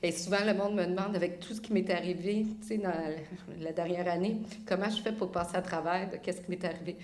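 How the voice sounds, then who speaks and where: A woman's voice: on the low side, steady tone, fairly quick, darkish tone. A woman with a Québécois French accent giving an earnest, emotional testimony at church. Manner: emotional, laughing at times, earnest.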